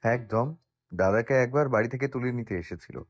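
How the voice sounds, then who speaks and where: A man's voice: mid-range voice, normal speed, no room sound, natural voice. A man playing a stern, bossy young husband. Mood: firm. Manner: firm, commanding.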